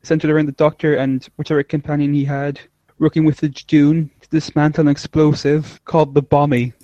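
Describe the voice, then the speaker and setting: A man's voice: fairly high pitch, little pitch movement, fairly quick, dark tone, no echo. A man hosting a casual podcast chat, rambling with stumbling restarts and frequent laughs. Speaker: podcast host. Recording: dull lo-fi dry recording.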